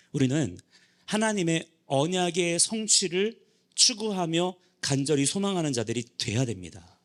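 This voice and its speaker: A male pastor delivers a sermon in a fairly high voice that rises and falls in wide, lively swings. He keeps pressing his listeners with rhetorical questions and answers them himself, urging them on. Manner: exhorting with many rhetorical questions. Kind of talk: sermon to a young adult congregation.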